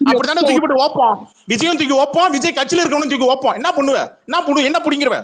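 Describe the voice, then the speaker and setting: A man's voice: very high voice, racing. A man hosting a heated argument in a live online audio room over a phone mic, aggressive, taunting and profane.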